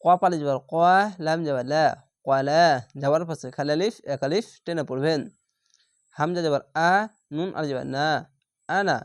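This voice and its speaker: A man teaching Quran reading, sounding out each letter and syllable slowly and patiently in a step-by-step lesson. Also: a little high, smooth, no echo, studio quality. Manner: slow, drawn-out syllable-by-syllable recitation.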